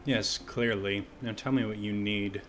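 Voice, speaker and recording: A man playing a menacing assassin in a video game with slow, theatrical villain delivery. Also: on the low side, fairly even intonation, a bit bright, a little hiss or hum. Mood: theatrical menace. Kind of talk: in-character game role-play.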